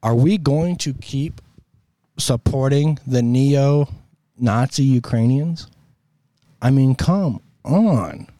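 A man's voice: medium pitch, animated, takes it slowly, mellow, dry recording. An American man with a sore throat, delivering an opinionated political monologue in an emphatic, exasperated, colloquial way. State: sore throat with coughing and throat clearing. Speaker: host of a political commentary show.

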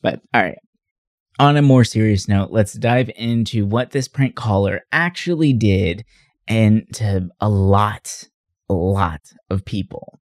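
A man co-hosting a podcast in casual chat, an animated storyteller who tells his stories with energy. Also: fairly low pitch, a little slow, no room sound, clean studio sound. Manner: animated storyteller, puts on voices in retellings. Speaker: podcast co-host.

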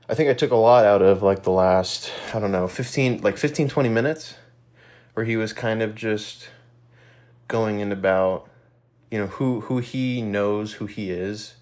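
A man's voice: on the low side, a little slow, long pauses, darkish tone. A young man hosting his own podcast alone, rambling and reflective with many fillers and casual swearing, a little out of breath and with a stuffy nose. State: slightly out of breath. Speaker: podcast host. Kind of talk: casual solo podcast monologue.

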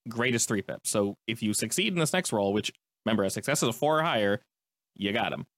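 Fast-talking man running a tabletop game. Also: lowish voice, animated, a bit bright, dry recording. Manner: conversational, descriptive, explanatory. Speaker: game master. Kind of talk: improvised tabletop game narration.

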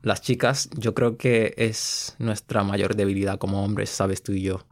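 Young male podcast host, low voice, earnest and relaxed, slangy casual chat. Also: unhurried. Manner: earnest, laid-back slang, frequent "¿sabes?" and English fillers.

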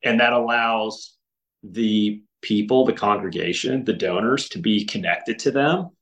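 A man with a fairly low voice speaks as a podcast guest. He talks earnestly and conversationally, stumbling through restarts and leaning on filler words as he makes his points. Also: measured pace, a bit bright, poor audio. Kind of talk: casual interview conversation.

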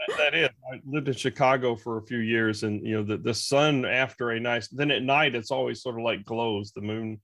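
A man hosts his own podcast in a loose, joking way, wandering off on tangents and stumbling into restarts. His voice sits at a middle pitch for a man. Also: moderate pace, hardly any pauses, fairly bright tone. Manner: rambling, joking, repeated restarts. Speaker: podcast host. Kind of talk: casual interview conversation.

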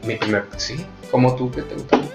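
A man's voice: medium pitch, moderate pace. A man with a Venezuelan Spanish accent, hosting a casual, candid chat and telling his stories frankly and with animation. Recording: echoey room with faint music.

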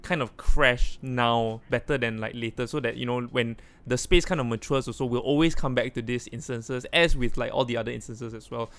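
A man hosts a casual discussion. His voice is mid-pitched with strong vocal fry. He talks in a measured, loosely hedged way, with plenty of "kind of" and "like". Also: fairly bright tone. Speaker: host.

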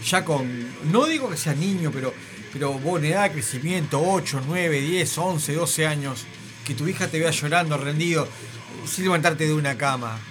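A man's voice: on the high side, animated, moderate pace, music in the background. A man hosting a radio show, telling a story in a rambling, emphatic way with lots of filler words. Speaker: radio host. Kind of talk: casual radio banter.

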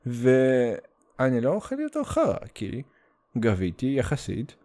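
This podcast host, a man from the Soviet Union, speaks with a Russian accent in a warm, mid-range voice whose pitch swoops wildly. Running his casual solo show, he rambles bluntly in a stop-start way, swearing and dropping in English slang.

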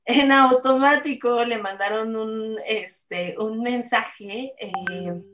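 A woman's voice: fairly high pitch, takes it slowly, fairly bright tone. A woman, co-hosting a casual chat, talking in a chatty way with many fillers and reading out viewer comments. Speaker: co-host.

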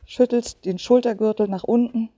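A woman leading a guided movement session as a coach, giving calm step-by-step cues and counting repetitions. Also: on the high side, normal speed, dry recording, lo-fi sound. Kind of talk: guided exercise instruction.

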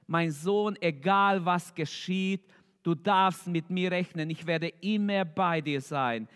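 High-voiced preacher in an echoey hall. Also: male voice, fairly bright tone. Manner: slow, emphatic preaching, rising in fervor toward the appeal. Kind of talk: sermon. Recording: echoey hall with long reverb.

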